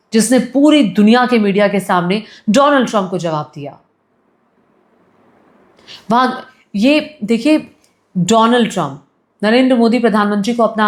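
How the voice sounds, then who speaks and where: A woman news commentator delivering opinion commentary, indignant and firing rhetorical questions at the audience. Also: fairly high pitch.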